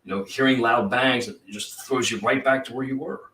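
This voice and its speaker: A man's voice: mid-range voice, fairly quick, pushed and bright, a little hiss or hum. Guy talking a bit far from the mic in an echoey room, swears a lot, rambles w lots of you knows. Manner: intense, profane, rambling with many "you know"s. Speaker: retired police officer, guest. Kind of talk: casual podcast conversation. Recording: roomy, distant from the mic.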